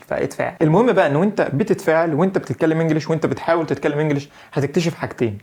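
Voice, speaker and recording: A man's voice: a little high, darkish tone. A young man with an Egyptian Arabic accent, giving casual, direct advice in a video lesson on learning English. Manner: direct, chatty advice to the viewer.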